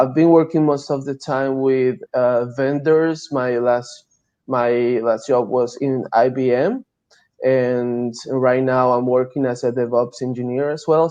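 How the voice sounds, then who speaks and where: An interview guest in his early thirties, a DevOps engineer from Bogota, Colombia, answers casually in English with a Colombian accent; Spanish is his first language. His voice is medium-pitched with a darkish tone, and the online call sounds dull and lo-fi.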